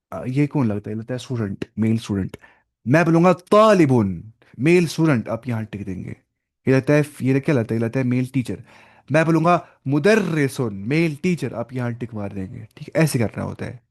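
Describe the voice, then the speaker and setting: A man teaching an online Arabic lesson, saying each word slowly and repeating it with patient explanations. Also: mid-range voice, darkish tone.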